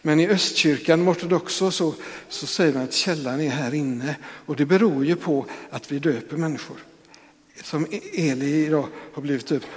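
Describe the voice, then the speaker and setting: A pastor giving a conversational sermon in a church, with frequent tag questions and restarts. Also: male voice, a little high, darkish tone, long reverb tail.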